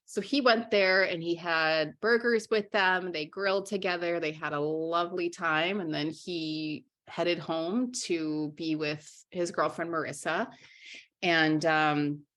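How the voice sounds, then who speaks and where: Woman, low voice, young adult, frank interview guest. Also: fairly even intonation, unhurried, a bit bright. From Minnesota. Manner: frank and candid, restarts sentences, many fillers. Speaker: interview guest, writer and journalist. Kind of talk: candid conversational interview.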